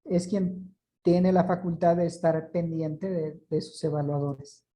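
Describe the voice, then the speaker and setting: A woman's voice: sits low, fairly even intonation, unhurried, dark tone, low-quality recording. A woman from a certification body, answering questions in an online meeting in a formal, explanatory way.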